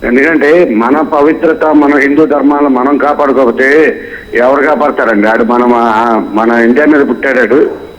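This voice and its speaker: A man's voice: medium pitch, fairly even intonation, normal speed. Fiery male caller on a phone line. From Guntur, Andhra Pradesh. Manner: fiery, repetitive, moralizing. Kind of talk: phone-in call.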